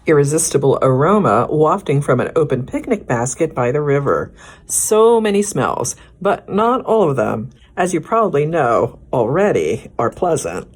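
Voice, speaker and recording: Reading a picture book to young children, this librarian phrases things carefully and expressively. She has a low, sing-song voice with a breathy edge to it.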